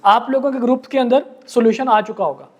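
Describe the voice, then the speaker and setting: A man's voice: extremely high pitch, fairly even intonation, darkish tone. A man with a Pakistani accent teaches a law class. He explains carefully and patiently, calling his students beta and janab. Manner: explains slowly, reads case text word by word. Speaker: law lecturer. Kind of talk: classroom lecture.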